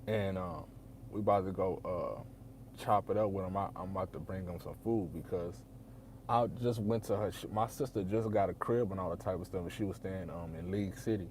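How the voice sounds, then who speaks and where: A man's voice: sits low, fairly quick, a little mellow, a little hiss or hum. A man, telling a personal story in a loose, rambling way full of fillers. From Texas. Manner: rambling, full of fillers and "you know what I'm saying". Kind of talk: casual storytelling.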